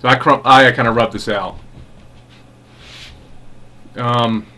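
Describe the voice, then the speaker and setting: A man giving a casual product review as a pipe tobacco reviewer, musing in an unhurried, halting way with savoring enthusiasm. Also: mid-range voice, fairly even intonation, sharp tone.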